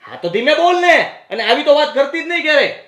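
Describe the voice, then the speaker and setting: A man's voice: extremely high pitch, very animated, fast, reverberant, full character voice. A man playing a hot-tempered defensive husband. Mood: angry. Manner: pleading then shouting in anger. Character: defensive husband, quick to anger. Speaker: husband arguing with his wife. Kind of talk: Gujarati short-film family drama acting.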